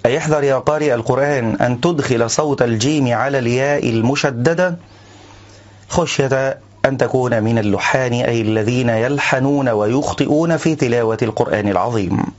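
Male recitation teacher: formal, measured explanations with slowly chanted verses, slightly muffled recording. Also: medium pitch. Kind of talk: religious lesson on recitation errors. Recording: dull lo-fi recording.

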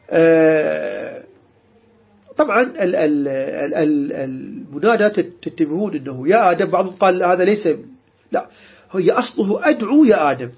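Husky man teaching grammar. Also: high voice. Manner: repeats key terms, stumbles and restarts, checks understanding. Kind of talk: classroom lecture. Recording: dull lo-fi recording.

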